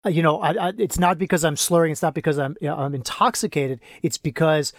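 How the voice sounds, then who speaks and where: This solo podcast host, a men's coach, speaks fast with a fairly high pitch, wandering and repeating himself in a casual way. His words come out slightly slurred, soft on the lip consonants, as if dentist-numbed, since one side of his mouth is paralyzed. The studio sound is clean, with no room sound.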